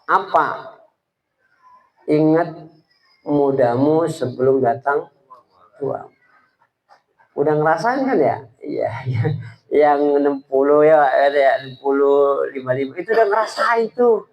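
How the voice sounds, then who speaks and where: A man giving an informal, halting sermon at a religious gathering, often speaking to the listeners directly. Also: fairly high pitch, animated, highs cut off. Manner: halting, stammering delivery; colloquial, addresses listeners directly. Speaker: preacher at a religious study gathering.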